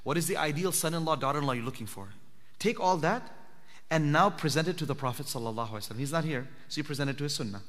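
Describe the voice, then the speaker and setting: This Islamic teacher, speaking at i'tikaf, races through an earnest sermon in a voice on the high side with a fairly bright tone. He keeps asking his listeners direct questions at the spiritual retreat. Long hall reverb fills the recording.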